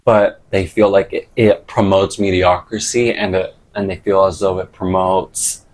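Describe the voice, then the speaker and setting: A man's voice: deep voice, little pitch movement, unhurried, darkish tone. A man chatting casually and rambling to camera in an unfiltered, slangy, sweary way. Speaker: vlogger.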